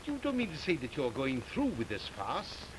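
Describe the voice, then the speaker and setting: An actor playing a skeptical ship captain who scoffs with dry sarcasm, heard as early talkie film sound. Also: male voice, medium pitch, wildly swooping pitch, moderate pace, background noise. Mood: scoffing.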